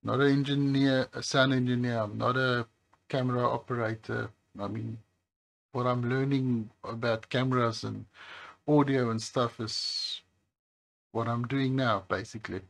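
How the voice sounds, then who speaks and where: Low and creaky, the repair host's voice drifts along as he works at his bench by the highway, speaking casually to the camera. He takes his time, with frequent pauses and hesitant moments.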